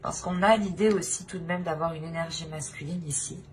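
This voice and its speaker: A tarot reader speaks directly to the listener in an improvised reading, her phrases hesitant and repetitive. Her low voice is steady and a little fast, and the recording has clear background noise.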